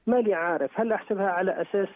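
A man calls in over a dry, tinny phone line. He speaks quickly in a slightly raised voice, asking his questions one by one with polite, formal courtesy. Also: high-pitched, no echo. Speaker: caller.

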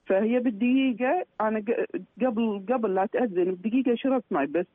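A woman calling in to a radio show, who tells her story haltingly and stumbles over her words. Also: fairly high pitch. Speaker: caller. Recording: dry, tinny phone line.

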